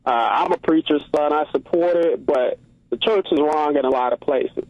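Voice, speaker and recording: A man's voice: a little high, moderate pace, darkish tone, no echo. A man from the Congo calls in to a radio talk show by phone. He builds his points with earnest, preacher-like rhetorical questions. The line is dry and a little muffled. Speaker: caller. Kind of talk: call-in radio commentary. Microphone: phone call.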